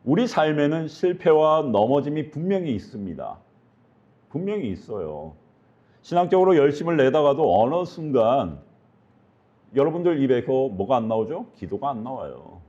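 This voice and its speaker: A man's voice: medium pitch, sing-song, moderate pace, warm tone, dull audio. A male pastor preaching earnestly, often putting questions to his congregation. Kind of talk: sermon.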